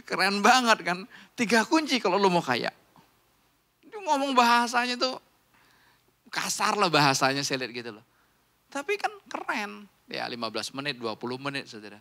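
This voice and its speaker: A male pastor preaching in a church with a bright, forceful voice that sits a little high. He talks in an animated, conversational way and keeps turning to the congregation with questions. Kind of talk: sermon. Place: church sanctuary.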